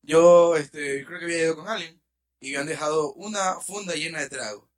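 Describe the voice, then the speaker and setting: A man's voice: on the high side, a little fast. A young man, telling a story on a podcast in a rambling, hesitant way. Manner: rambling, hesitant, with fillers and repeats. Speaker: podcast co-host. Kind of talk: casual storytelling among friends.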